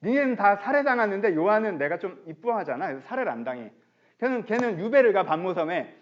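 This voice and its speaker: A male pastor giving a chatty, animated sermon, speaking directly to his congregation. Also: high voice, quick pace. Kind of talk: conversational sermon. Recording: dull lo-fi online stream.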